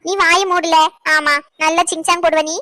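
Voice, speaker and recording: A woman voicing a cheeky young woman in a cartoon who teases her friends in quick chatter. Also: very high voice, level tone, pushed and bright. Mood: teasing.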